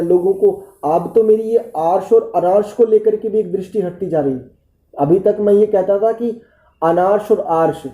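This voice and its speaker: Dark-voiced man teaching scripture, roomy sound. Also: high-pitched. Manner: earnest, poses rhetorical questions to listeners. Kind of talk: devotional teaching discourse.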